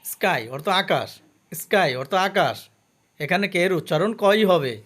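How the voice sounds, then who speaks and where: A man's voice: sits high, animated, a bit bright. A man teaching English vocabulary, saying each word and its meaning twice and stopping to explain the pronunciation. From Bangladesh. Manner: slow, careful drill with pronunciation notes.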